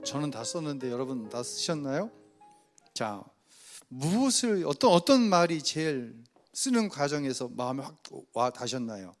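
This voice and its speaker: A man's voice: mid-range voice, sing-song, moderate pace, faint music behind. A male pastor leading an afternoon church study, telling a story conversationally and speaking straight to the congregation. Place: church sanctuary.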